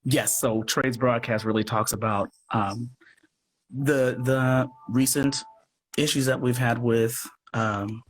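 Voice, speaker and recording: Speaking slowly at medium pitch with fairly even intonation, a radio play producer joins a noisy livestream call as an interview guest. He's casual yet earnest and effusive, often going back over his own phrases.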